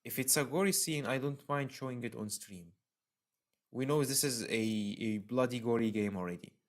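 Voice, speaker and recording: A man's voice: mid-range voice, moderate pace. Man reading a horror game aloud. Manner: dramatic reading mixed with emotional outbursts. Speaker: game streamer. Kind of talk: reading a visual novel aloud on stream.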